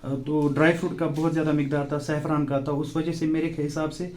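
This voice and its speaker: Halting man in a street interview. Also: on the high side, flat delivery, darkish tone. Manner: halting, with many fillers, growing urgent. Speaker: shop owner telling of a fire. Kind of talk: on-the-spot news interview. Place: outdoors beside a burnt shop.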